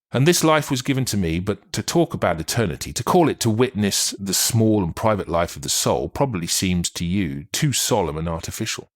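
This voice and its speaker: A man's voice: fairly low pitch, lightly acted. A man reading as a weary ghostly writer. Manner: rueful, apologetic, musing. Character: spirit of a dead male writer and doctor, weary, melancholy. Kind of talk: audiobook reading of a channeled letter.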